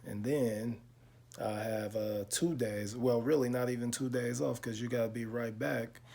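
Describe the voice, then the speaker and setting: A man, talking slowly and reflectively to his viewers in a casual vlog, with lots of pauses and fillers. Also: medium pitch, steady tone, gravelly, warm tone. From Chicago. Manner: slow, reflective storytelling with many pauses and fillers. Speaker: car vlogger. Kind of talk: casual talk to camera.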